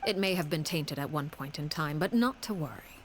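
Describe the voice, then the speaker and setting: A cold, composed commander from a video game. Her voice sits low and stays measured and formal, with a quiet menace underneath. A faint noise runs under it. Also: expressive, low-quality recording. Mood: calm. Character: cold composed woman, commander of a feared group. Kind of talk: game voice acting.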